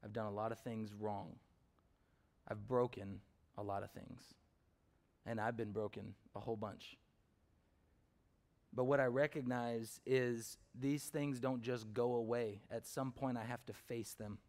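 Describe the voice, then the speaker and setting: A man's voice: mid-range voice, steady tone, unhurried, a little mellow. Guy pastor preaching, chatty storytelling, lots of um and you know, asks the crowd stuff. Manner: conversational, uses fillers and asks the congregation questions. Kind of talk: sermon with personal storytelling.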